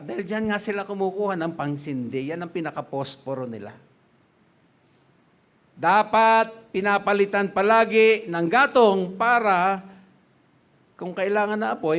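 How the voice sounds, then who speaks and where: A middle-aged pastor from the Philippines preaching a sermon in a chatty way, laughing often, quizzing the congregation and slipping into English. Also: male voice, high voice, normal speed, a bit bright.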